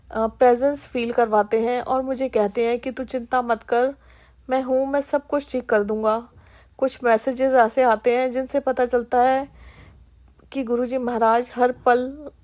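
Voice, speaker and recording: A woman's voice: fairly high pitch, darkish tone. A middle-aged woman telling a heartfelt personal devotional testimony, earnestly addressing the listening congregation.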